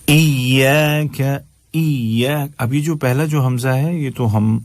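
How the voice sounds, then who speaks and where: A man from Pakistan teaching Quran recitation, patiently correcting pronunciation and slowly chanting the verses. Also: mid-range voice, mellow, no echo, clean studio sound. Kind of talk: tajweed lesson, explaining and reciting.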